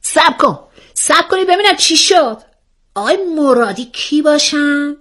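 A woman's voice: on the high side, sing-song, fairly bright tone, voice pushed up. A woman voicing a bossy young woman who questions her friends in a mock-formal tone in a read-aloud story. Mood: demanding. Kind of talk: storybook voice acting.

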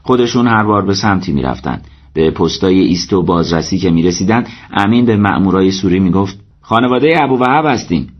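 A man reading a story aloud as narrator, steady and measured. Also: deep voice, breathy edge, lo-fi sound. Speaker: audiobook narrator. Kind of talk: scripted narration.

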